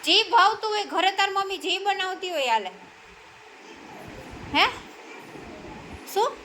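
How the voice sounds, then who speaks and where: A woman's voice: very high voice, expressive, unhurried, sharp tone, a little hiss or hum. A woman teacher, encouraging a classroom of young children, calling on each by name and praising each answer. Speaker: preschool teacher.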